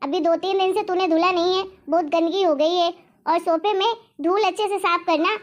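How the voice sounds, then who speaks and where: A woman voicing a domineering, quick-tempered middle-aged mother-in-law in a cartoon story, taunting and scolding. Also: fairly even intonation. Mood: bossy. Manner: taunting, bossy, shrill scolding.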